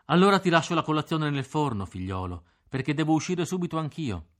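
A man's voice: on the high side, big pitch swings, brisk, pitched above the performer's own voice. A man voicing a weary, sighing working mother. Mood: gentle, weary. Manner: sighing, gentle. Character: tired working mother, soft and resigned.

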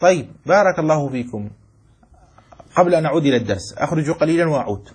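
A man with a high, husky voice teaches a classroom lesson. He checks in with his students over and over and repeats each point. When he dictates, he chants rhyming lines slowly. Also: animated, darkish tone. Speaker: teacher of Islamic jurisprudence.

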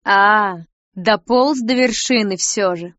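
A woman reading a story aloud, voicing a sharp-tongued, mocking ghostly young woman. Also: mid-range voice, slow, dry recording, dull audio. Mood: teasing. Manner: mocking, taunting.

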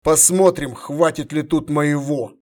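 Male reader doing a cold curt emperor, firm commands, slightly high voice, audiobook. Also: steady tone, lightly acted. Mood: stern. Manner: curt, commanding, measured orders. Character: stern, commanding middle-aged male emperor.

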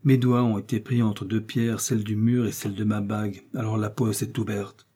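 A man's voice: lowish voice, little pitch movement, normal speed, warm tone, slightly rough. A man reading aloud and voicing an eager, practical young musketeer who speaks with urgency. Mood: urgent.

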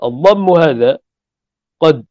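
A man gives a classroom lesson on Arabic morphology, explaining step by step, repeating his examples, asking rhetorical questions and slowly chanting lines of verse. His voice is fairly high, expressive and darkish, with no room sound, on a dull, muffled lo-fi recording.

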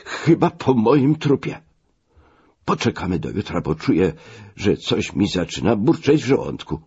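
A man voicing a feverish, stubborn, wealthy older country gentleman who speaks in a pleading, secretive way. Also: low-pitched, very animated, moderate pace, slightly rough, exaggerated voice. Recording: dull lo-fi recording.

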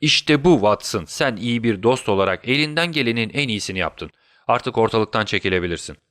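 A clever detective speaks from his sickbed, urgent and conspiratorial, as a man reading the story voices him. The voice is a little low and the recording dry. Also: lively intonation, fairly quick, a bit bright, no echo. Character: sick, feverish male detective, clever.

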